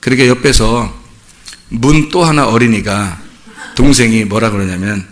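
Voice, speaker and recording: A male pastor preaching a sermon in a conversational, animated way, often laughing and acting out little dialogues. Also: on the low side, unhurried.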